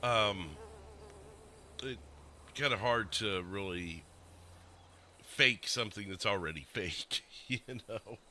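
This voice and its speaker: A man's voice: lowish voice, slow pace, pauses often, bright, forceful tone, a little hiss or hum. A man hosting a livestream, chatting casually with viewers at a desk microphone in a rambling, self-deprecating way with lots of fillers. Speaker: livestream host. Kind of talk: casual chat with stream viewers.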